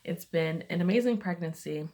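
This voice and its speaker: A young woman talking casually to her vlog viewers, chatty and a little out of breath, with lots of "um" fillers and excited bursts. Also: lowish voice, normal speed. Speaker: vlogger. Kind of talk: casual personal vlog talk.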